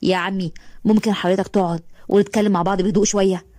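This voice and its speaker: Earnest young suitor, read by a woman, tender and pleading, Egyptian accent, rapid storytelling. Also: mid-range voice, warm tone, no echo, natural voice. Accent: Egyptian Arabic.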